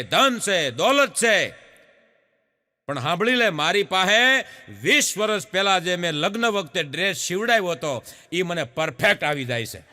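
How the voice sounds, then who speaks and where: A middle-aged man, telling stand-up jokes in an animated way, laughing at his own punchlines and breaking into bits of song. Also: high voice. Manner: sings snatches of folk and film songs. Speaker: stand-up comedian. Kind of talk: Gujarati stand-up storytelling. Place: stage show before an audience in a hall.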